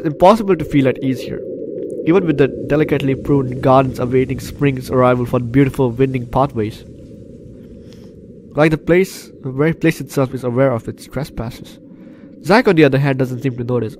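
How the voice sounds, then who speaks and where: A gaming YouTuber sick with the flu does let's play commentary in a mid-range, slightly mellow voice, with a little hiss or hum on the recording. He reads game text aloud, jokes, repeats phrases, and banters with the characters.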